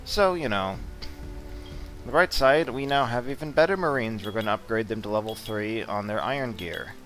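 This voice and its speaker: A man giving relaxed, blunt commentary while walking through a strategy game, with mildly profane asides. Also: fairly low pitch, moderate pace, faint music behind. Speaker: strategy game guide presenter. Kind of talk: casual gameplay commentary.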